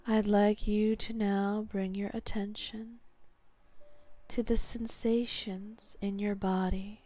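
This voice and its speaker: A woman guiding a hypnosis meditation in a calm, soothing, meditative tone, soft and breathy, sinking toward a whisper at phrase ends. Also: medium pitch, slow pace. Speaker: hypnotherapy guide.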